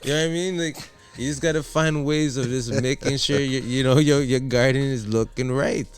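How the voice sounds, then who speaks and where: A man chatting casually about basketball as co-host, animated and slangy, joking and repeating himself. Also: mid-range voice, moderate pace, smooth, soft background music. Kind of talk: casual sports chat.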